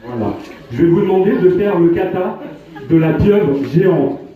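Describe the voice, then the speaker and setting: A man's voice: sits high, expressive, warm tone. Distant echoey man giving hypnotic commands. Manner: commanding, slow hypnotic suggestions and countdowns. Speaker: stage hypnotist. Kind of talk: live stage hypnosis show. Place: live show at a campsite venue. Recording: echoey live venue, voice from afar.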